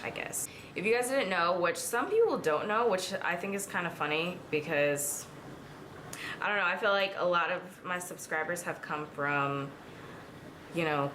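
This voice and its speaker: A woman's voice: lowish voice, fairly bright tone, slight background noise. Chatty young woman, rambling vlog talk. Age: 20s. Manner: rambling, chatty, lots of fillers. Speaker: beauty vlogger. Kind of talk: casual chat while doing makeup. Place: at home in front of a mirror.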